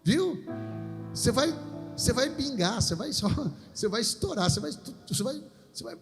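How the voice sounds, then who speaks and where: A man preaching a lively sermon, telling stories and acting out the dialogue. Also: very high voice, in a large hall. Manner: animated storytelling, acts out dialogue.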